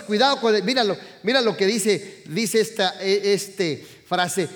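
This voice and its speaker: A pastor in his sixties preaching a sermon, with animated shifts between loud calls to the congregation and quiet asides. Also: high-pitched. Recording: long hall reverb.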